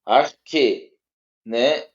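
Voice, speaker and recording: A man with a Brazilian Portuguese accent teaching a one-on-one lesson. He talks haltingly, repeats words and checks in often. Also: medium pitch. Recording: dull lo-fi sound.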